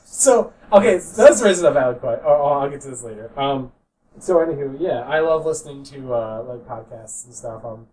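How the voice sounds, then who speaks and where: A man's voice: medium pitch, lively intonation, a little mellow. A man co-hosting a casual podcast while drawing, teasing his friends and laughing often. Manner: teasing and giggly, quick to laugh. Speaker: podcast co-host. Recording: distant mic with faint room noise.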